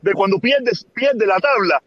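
A man argues in a heated live-stream debate, hammering his points by repeating phrases over and over. His voice is rather high for a man, heard through muffled audio with a crowd of other voices talking behind. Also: lively intonation, unhurried. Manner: argumentative, repeats phrases insistently.

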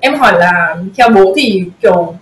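A young woman co-hosting a casual chat, telling stories in a lively way and acting out the voices of the people in them. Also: medium pitch, moderate pace. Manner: lively storyteller, acts out quoted voices. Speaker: co-host. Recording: roomy echo.

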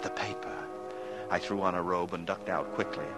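A man's voice: flat delivery, over loud music, lightly acted. A man playing brooding noir killer Dix. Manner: low, measured, menacing narration. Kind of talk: 1940s radio drama narration.

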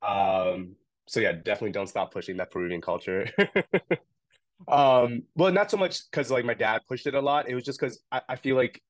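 A young man, a podcast guest who founded a food retailer, chats casually in an interview at a moderate pace with a medium-pitched voice. He's relaxed and rambles a bit, dropping plenty of "um" and "like." There's no echo on the recording.

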